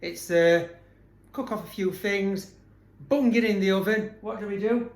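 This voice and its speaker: A man with a high voice, speaking a little slowly, co-hosts a cooking show from his home kitchen. He chats and teases while chopping, and the echoey kitchen recording picks up background noise along with the chopping sounds.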